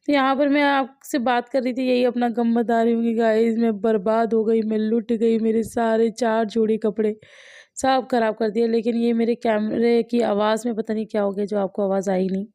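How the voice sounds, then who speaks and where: Woman, family vlogger from India; mellow, slightly high voice; casual, self-mocking chatter with frequent laughs. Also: flat delivery, normal speed, no echo. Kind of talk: casual voice-over chat.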